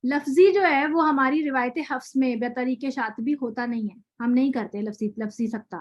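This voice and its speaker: A woman's voice: sits high, dull audio. A woman teaching a recitation lesson in an online class, explaining rules and often checking whether her students understand. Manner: explanatory, asks students questions, slow drawn-out example words.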